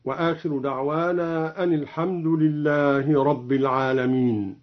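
A man explaining the variant readings of Quranic verses, chanting each example slowly after his explanation. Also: a little high, steady tone. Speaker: Quran recitation teacher. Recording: dull lo-fi broadcast recording.

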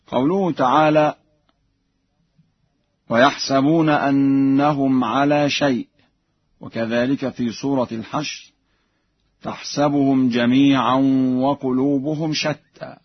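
A man teaching Quran recitation on the radio, explaining slowly and chanting verses in a drawn-out way. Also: mid-range voice, fairly even intonation, breathy edge, no room sound. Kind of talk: radio lesson with chanted examples. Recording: muffled lo-fi radio recording.

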